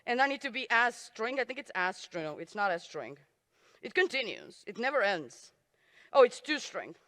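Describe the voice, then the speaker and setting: A woman talks an audience through live coding in a bright, clear voice, tossing in self-mocking jokes as she types. Her voice rings through a large hall with a long reverb tail. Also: on the high side, sing-song, normal speed. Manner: self-deprecating, joking asides while typing. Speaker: conference speaker. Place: conference stage in a large hall.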